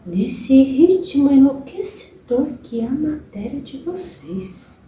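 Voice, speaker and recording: Brief: a woman playing an old grandmother spirit with a Brazilian accent, high and lilting, unhurried motherly counsel, soft whispers, roomy distant sound. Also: very animated, exaggerated voice. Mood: tender. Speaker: spirit medium. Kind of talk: channeled spiritual message. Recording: roomy distant recording with faint hiss.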